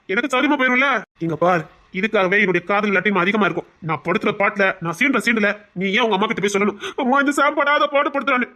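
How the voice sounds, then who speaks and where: A lovestruck young man with a past as a rowdy, played by a woman. He talks quickly and coaxes, teasing playfully. The voice sits at an ordinary pitch and keeps a soft, persuasive tone throughout this audio drama. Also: muffled recording, close to an everyday voice. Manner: fast, playful, coaxing. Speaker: bank manager. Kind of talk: Tamil audio drama acting.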